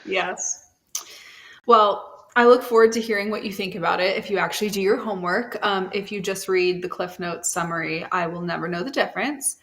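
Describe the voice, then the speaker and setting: A woman's voice: mid-range voice, brisk, a bit bright. Chatty woman host, rambling. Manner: rambling, many fillers. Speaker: podcast host. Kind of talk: casual chat.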